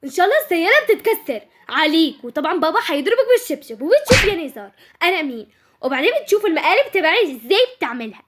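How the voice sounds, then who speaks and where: A woman's voice: very high-pitched, sing-song, racing, a bit bright, a little hiss or hum, full character voice. A woman voicing a frantic, dramatic schoolgirl in a doll-game role-play, full of squealing exclamations. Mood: indignant.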